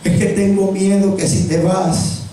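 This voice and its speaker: A Salvadoran man voicing his old mother as she pleads softly with her son in a sermon. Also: high-pitched, flat delivery, unhurried. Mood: pleading. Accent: Salvadoran Spanish. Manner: soft, pleading. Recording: very echoey church hall, distant mic.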